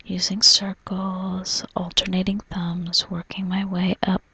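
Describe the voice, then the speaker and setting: A woman doing an ASMR role-play as a spa massage therapist, in a soft, soothing, breathy soft voice, narrating gently. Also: on the low side, monotone, slow pace, no room sound. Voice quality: breathy, mostly unvoiced soft voice. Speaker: reflexologist giving a foot massage.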